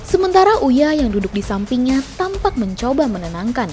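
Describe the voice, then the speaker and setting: A woman's voice: high voice, very animated, a little fast, mellow. A woman narrating celebrity news from a script in a dramatic style. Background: background music.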